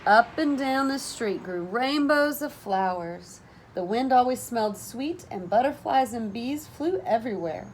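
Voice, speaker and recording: Reading a storybook to children, this woman sounds teacherly and lively, her pitch swinging widely as she phrases things deliberately. Background noise is noticeable and the recording quality is poor.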